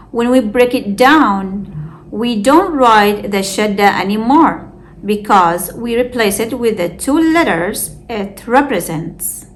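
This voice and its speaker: A woman teaching an Arabic lesson, explaining pronunciation in a careful, clear way. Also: on the high side. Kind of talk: scripted lesson narration.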